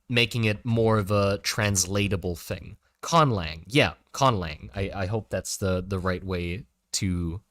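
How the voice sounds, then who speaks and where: A man hosting a casual livestream, rambling and hesitant with many fillers and restarts, breaking into bursts of loud excitement. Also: lowish voice, no echo, clean studio sound. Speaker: livestream host.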